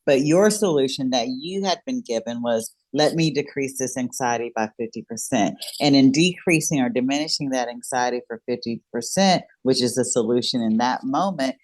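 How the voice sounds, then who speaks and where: A woman's voice: rumbling low, normal speed, hardly any pauses, a little mellow, rough recording. A woman hosts a podcast conversation in a reflective, encouraging tone. She thinks aloud in long, flowing sentences. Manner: reflective, encouraging, talks in long run-on thoughts. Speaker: podcast host. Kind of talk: conversational interview.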